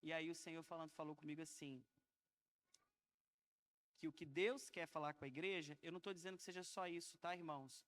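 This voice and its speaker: A man's voice: fairly high pitch, fairly even intonation, a little fast, pauses often, fairly bright tone. A man with a Brazilian Portuguese accent giving an earnest, emotional sermon testimony to his congregation. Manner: earnest, emotional, addresses listeners as brothers and sisters. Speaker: preacher.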